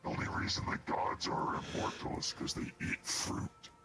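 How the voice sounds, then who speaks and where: A man casually explaining old myths to friends, slow and rambling with pauses to find his words. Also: sharp tone, faint music behind.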